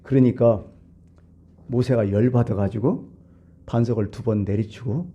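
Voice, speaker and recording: A pastor preaching a sermon, explaining scripture in a plain conversational way. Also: male voice, medium pitch, fairly even intonation, measured pace, slightly rough, highs cut off. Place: church.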